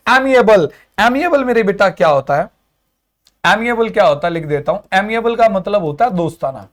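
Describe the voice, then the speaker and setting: A man's voice: high voice, expressive, normal speed. A young man teaching an exam-prep lesson, mixing Hindi and English, explaining with energy and acting out the characters.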